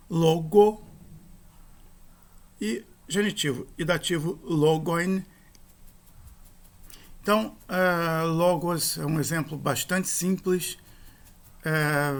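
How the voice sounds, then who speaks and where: Guy teaching a grammar class, kinda high voice, goes through every ending slowly. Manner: methodical, spells out endings and accent rules. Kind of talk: recorded grammar lesson.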